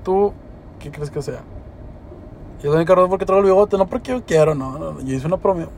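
Young guy rambling on his podcast, slangy and emotional, kinda high voice. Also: very fast, a little mellow, a little hiss or hum. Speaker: podcast host. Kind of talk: casual podcast chat.

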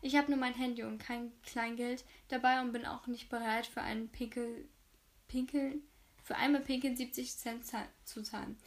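A woman's voice: on the high side, little pitch movement, moderate pace. A woman reading a novel aloud for her viewers and making chatty, frank asides about the story.

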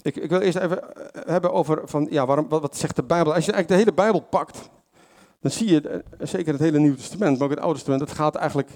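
A lay preacher gives an informal, conversational sermon full of fillers, self-corrections and questions to the congregation. His voice is a little high and a little mellow, and he talks fast.

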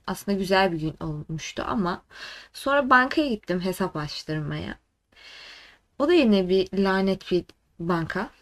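A young woman co-hosting a casual chat, telling stories in an animated, exasperated way and swearing often. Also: mid-range voice, measured pace. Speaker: podcast co-host.

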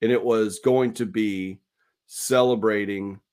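A man's voice: fairly low pitch, steady tone, takes it slowly, a little mellow. A middle-aged man hosting a podcast in casual chat, self-mocking and full of restarts. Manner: self-deprecating, stumbling restarts. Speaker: podcast host.

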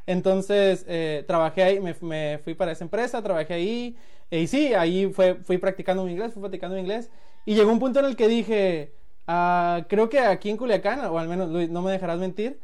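Speaking a bit fast, the man has a high-sitting voice that's clear and resonant with a darkish tone. He's a guest in his late twenties from Sinaloa with a Mexican accent, telling his story in a loose, laughing chat while restarting phrases and acting out quotes.

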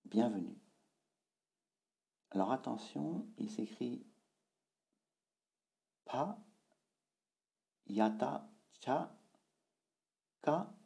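A man giving a spoken language lesson, slowly repeating words and drilling their tones. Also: medium pitch, expressive, gravelly, warm tone. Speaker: language teacher.

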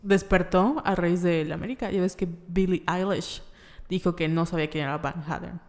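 A woman's voice: on the low side, normal speed, darkish tone, long reverb tail. A woman from Yucatán with a Yucatecan accent, co-hosting a casual podcast chat, chatty and laughing often. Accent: Yucatecan Spanish. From Yucatán, Mexico. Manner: chatty, laughs often, quotes people in asides. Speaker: podcast co-host. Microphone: studio microphone.

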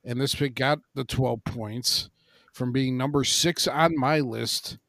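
A man's voice: mid-range voice, takes it slowly, gravelly, fairly bright tone, no room sound, clean studio sound. A man hosting a casual podcast countdown, blunt and a bit profane as he moderates his co-hosts. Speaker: podcast host running a countdown list.

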